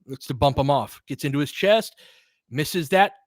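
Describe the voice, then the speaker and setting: A man with a fairly high, expressive voice calls live basketball play-by-play from the fan's side, openly cheering for his team. He talks at a moderate pace in short, clipped fragments, with no room sound.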